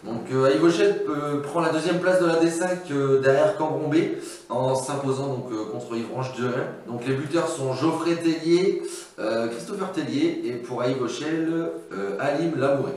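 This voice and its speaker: Casual male host, stop-start results read, recorded far off in a boomy room. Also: moderate pace, a little mellow, very echoey. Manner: hesitant, many fillers. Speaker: podcast host.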